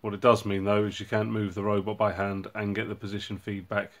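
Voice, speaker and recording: Talking through his own project, the host of a robotics hobbyist channel speaks in a low, relaxed, unhurried way. Frequent ums and uhs punctuate his even, level delivery as he sorts out the details.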